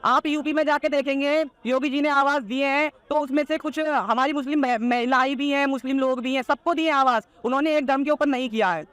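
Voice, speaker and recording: A man's voice: very high-pitched, a bit bright, no echo. A teenage boy giving political opinions in a street interview, rattling them off all in one breath in a combative, insistent way, with repeated points and rhetorical challenges. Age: teenager, not yet of voting age.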